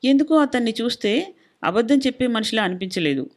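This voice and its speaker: A woman voicing a soft-hearted middle-aged wife who speaks gently and pleadingly. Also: fairly high pitch, sing-song, a little fast. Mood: pleading gentle.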